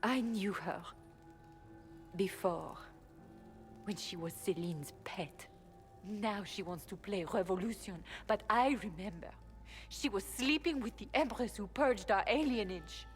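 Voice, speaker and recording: A woman's voice: mid-range voice, lively intonation, a little slow, soft background music, natural voice. A woman playing a bitter, guarded elven servant and informant in a video game. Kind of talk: video game dialogue acting.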